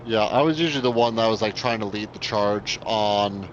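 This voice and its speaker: A man rambles casually through his stories, circling back and restarting as he goes, his voice a little low. The sound is dull and lo-fi, with faint noise underneath. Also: moderate pace. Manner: rambling, many fillers and restarts. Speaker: co-host. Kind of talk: casual chat.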